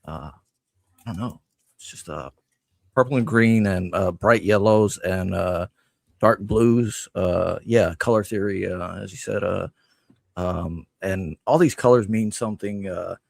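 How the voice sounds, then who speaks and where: Male podcast co-host, gravelly low voice, dry sound, halting speech full of fillers. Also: no echo. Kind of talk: casual chat.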